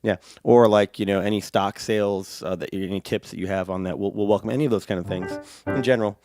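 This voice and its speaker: A man with a congested, hoarse smoker's rasp, hosting a live stream in a chatty, rambling, playful way. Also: on the low side, steady tone, fast. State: congested from a sinus infection, coughing. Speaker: live stream show host and piano player.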